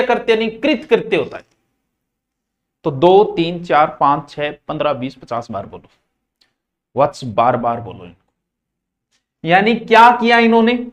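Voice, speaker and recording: A middle-aged male teacher runs a grammar lesson. His voice sits high for a man, and he drills each word by repeating it several times. He breaks in with playful scolding asides to his students. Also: fairly bright tone.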